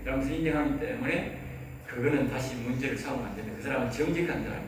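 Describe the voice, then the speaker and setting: A man's voice: mid-range voice, fast talker. A man with a Gyeongsang Korean accent, a pastor lecturing a seminary class. He talks emphatically, repeats key phrases and keeps checking that his listeners follow. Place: church lecture room. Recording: very echoey room, mic at a distance, faint background noise.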